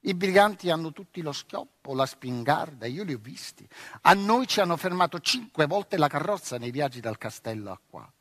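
A man's voice: fairly high pitch, expressive, normal speed, fairly bright tone, dry recording, clean studio sound, in a large hall. Man doing a haughty, mocking young noble girl. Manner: teasing, imperious.

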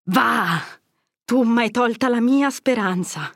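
A woman's voice: on the low side, steady tone, measured pace, dry recording, clean studio sound, lightly acted. A woman reading an audiobook, voicing a grave elderly male friar whose solemn words turn to severe rebuke. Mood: severe, sorrowful. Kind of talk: audiobook character voice.

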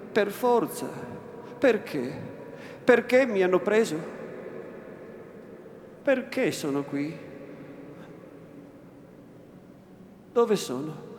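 A man's voice: high-pitched, heavily acted. A man doing a trembling, pleading young woman. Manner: trembling, imploring. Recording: echoey hall, faint noise.

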